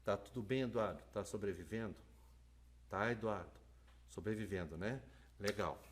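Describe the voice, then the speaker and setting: A man giving a lively live online lecture on interpreting, talking fast and checking in with his listeners. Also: lowish voice, slight background noise. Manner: lively, talks fast, asks "né?" and "tá?". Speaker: lecturer on sign language interpreting.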